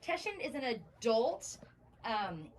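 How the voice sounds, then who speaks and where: Here the woman's voice sits on the high side, slow and sing-song, as she gives kids an educational tour of an animal shelter's indoor rooms with simple, enthusiastic explanations. It's recorded on a distant mic with faint background noise.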